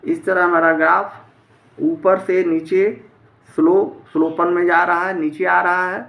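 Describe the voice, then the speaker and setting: A man's voice: high-pitched, little pitch movement, a little slow, gravelly, muffled recording. A man teaching a step-by-step math lesson, explaining methodically in a plain way. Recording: echoey room.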